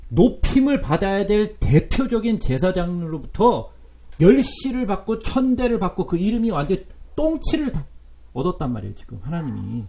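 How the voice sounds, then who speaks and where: An earnest male Bible teacher preaching with deep feeling and regularly asking his listeners questions. His voice sits a bit high yet mellow, and his pitch swings widely. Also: big pitch swings, moderate pace, creaky. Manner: emotional, earnest, asks the audience questions. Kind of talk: sermon-style Bible teaching.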